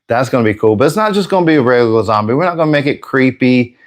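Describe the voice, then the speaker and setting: A man's voice: medium pitch, lively intonation, racing. A man hosting a live airbrush painting stream, chatting casually and joking with viewers, slightly out of breath.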